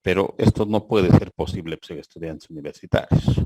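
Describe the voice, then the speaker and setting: Over a video call, a male university lecturer runs an online class, slowly reading examples aloud and ridiculing their errors. He has a low, warm voice with a breathy edge and no room sound.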